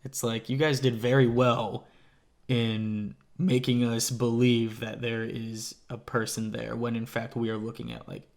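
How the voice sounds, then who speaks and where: A young man co-hosting a casual movie review chat, animated and rambling, swearing freely. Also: mid-range voice, unhurried, creaky. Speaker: co-host.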